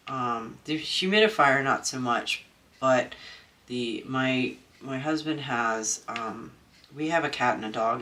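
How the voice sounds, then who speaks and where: A woman from Maryland, USA, hosts a crafting channel and chats casually at home as she crafts, rambling with lots of ums and restarts. Her very deep voice sounds bright and forceful, and her nose is stuffy and congested.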